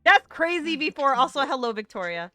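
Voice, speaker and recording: A woman's voice: high-pitched, sing-song, brisk, bright, forceful tone, no room sound, studio quality, soft background music. A woman hosting a casual podcast chat, giggly, with fillers when she steers the talk. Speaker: podcast host. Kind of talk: casual chat among streamers.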